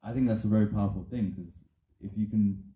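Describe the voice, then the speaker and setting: A man with a very deep voice answers on a film panel, earnest and halting with plenty of ums. His voice comes through thin and tinny, with the echo of a big room. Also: steady tone. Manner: halting, earnest, many fillers. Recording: echoey, tinny sound.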